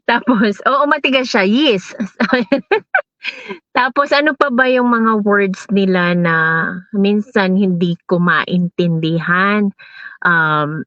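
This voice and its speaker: A woman's voice: medium pitch, steady tone, slow pace, fairly bright tone, dry recording, lo-fi sound. A woman chatting casually as host, mixing Tagalog and English and laughing often. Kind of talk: casual chat. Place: abroad in New Zealand.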